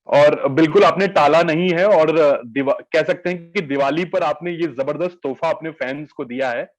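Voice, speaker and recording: A man's voice: on the high side, moderate pace, highs cut off. A man hosting an entertainment interview, asking formal, flowery questions with many "uh" fillers.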